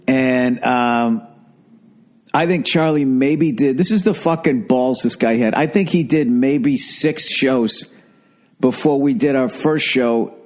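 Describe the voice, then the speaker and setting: A man in his forties hosting a podcast, telling stories in a loose, profane, animated way and putting on other people's voices as he goes. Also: medium pitch, slow pace. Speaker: comedian podcast host. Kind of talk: casual storytelling monologue.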